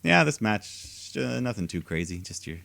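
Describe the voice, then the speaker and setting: A man's voice: on the low side, very animated, moderate pace, creaky, fairly bright tone, dry recording. A man co-hosting a podcast, recapping wrestling shows in a laid-back casual way and laughing often. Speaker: podcast co-host.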